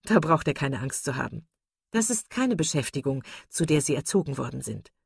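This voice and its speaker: A woman reading the part of a calm, good-humored middle-aged mother. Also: low-pitched, moderate pace, vocal fry, husky, no echo, clean studio sound, heavily acted. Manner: calm, courteous.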